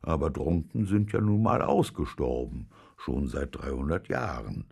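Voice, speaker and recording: A man with an extremely deep, gravelly and husky voice reads a children's story aloud. He speaks slowly and lets his pitch swing widely for effect. The telling is expressive, with a dry edge. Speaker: audiobook reader.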